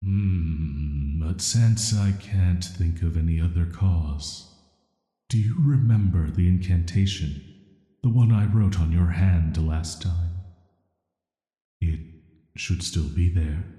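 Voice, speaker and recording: A man gives a slow, scripted roleplay monologue as an ancient banished villain, a cursed immortal whose manner is calm and flirty. His soft, flat, measured, hesitant delivery carries a grave, careful mood. The voice is very deep, soft and atmospheric, and the recording echoes with long cavernous reverb.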